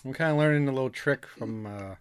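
A woman's voice: very deep voice, fairly quick, clear, resonant tone. A woman in her forties hosting a podcast, bantering in a joking, laid-back way. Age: 40s. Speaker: podcast host. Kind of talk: casual chat.

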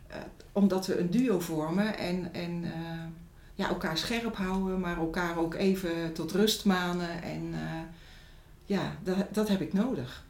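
A woman's voice: fairly low pitch, a little slow, a little mellow. A middle-aged woman, a school director, speaking in an interview in a reflective, hesitant way with many fillers. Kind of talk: interview and reading aloud. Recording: echoey room, faint music.

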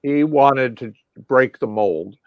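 A man's voice: medium pitch, takes it slowly, no room sound, muffled recording. A male guest lighting designer recalling old projects in a rambling, casual way, full of fillers and restarts. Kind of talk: casual recollection.

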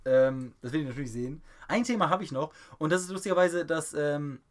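Man, podcast co-host, casual banter, rambling, joking, quick talker. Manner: rambling, joking, lively swings in pitch.

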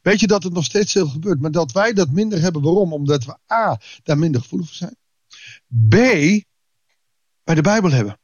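A man's voice: a little high, expressive, fairly quick, no room sound, lo-fi sound. A man giving a devotional Bible reading, reading the verses and breaking off into conversational asides with frequent restarts. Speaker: preacher.

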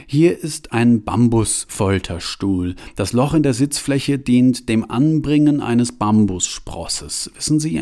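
A man's voice: medium pitch, vocal fry, a little mellow. A man doing a gleeful torture museum guide. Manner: cheerful, lecturing, relishing detail. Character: jovial sadistic male torture museum guide. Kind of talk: audiobook reading.

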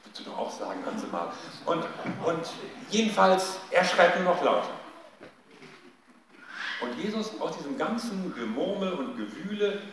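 A man's voice: fairly high pitch, normal speed, a little hiss or hum. Man preaching in an echoey hall. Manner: animated storytelling, shouts quoted cries. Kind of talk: sermon. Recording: echoey hall, mic at a distance.

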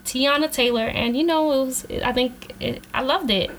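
A woman's voice: sits high, moderate pace, a little hiss or hum. A woman co-hosting a casual podcast chat, talking in a laid-back, slangy way and laughing often. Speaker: co-host.

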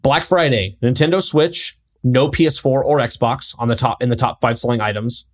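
A young man chatting casually on a podcast, rambling through his points with plenty of fillers. His voice sits at an ordinary middle pitch. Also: normal speed. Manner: loose and chatty, lots of fillers. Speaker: podcast co-host. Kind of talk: casual chat.

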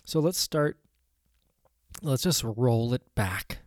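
Froggy-voiced man, mellow podcast host. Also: medium pitch, lively intonation, slow, dry recording, clean studio sound. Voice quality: slightly froggy, throaty voice. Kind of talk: casual solo podcast talk.

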